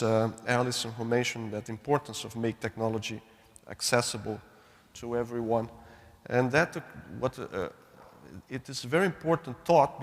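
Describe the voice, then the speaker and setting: A man moderating a roundtable, polite and hesitant with many fillers. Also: medium pitch. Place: large conference hall. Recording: reverberant hall.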